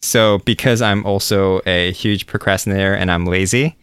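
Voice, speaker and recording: A man chatting casually on a podcast, relaxed and rambling, with a self-deprecating manner. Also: deep voice, normal speed, clear, resonant tone, no room sound. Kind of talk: casual chat.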